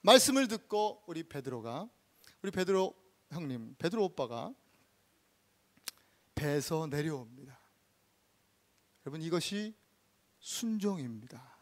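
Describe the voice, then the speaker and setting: A male pastor giving an animated storytelling sermon in a church, acting out the scenes he tells. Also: fairly high pitch, unhurried, pauses often. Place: church sanctuary.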